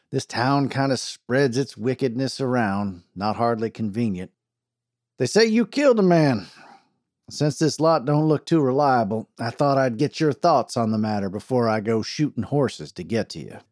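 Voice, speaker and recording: A man voicing a big, commanding frontier sheriff who booms out orders and talks in a folksy drawl. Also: expressive, measured pace, darkish tone, no echo, clean studio sound, natural voice. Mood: wry.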